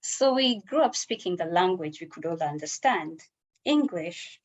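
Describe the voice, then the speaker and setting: Slow-speaking Ugandan woman giving a speech. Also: lowish voice, lively intonation, a little hiss or hum. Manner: measured, deliberate delivery with pauses. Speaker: club member giving icebreaker speech. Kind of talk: prepared personal speech. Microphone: video call.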